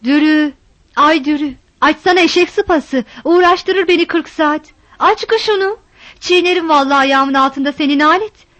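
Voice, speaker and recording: A woman's voice: high-pitched, moderate pace, dry recording, pitched above the performer's own voice, lightly acted. A woman voicing a frantic village mother who shrilly scolds and calls for her daughter.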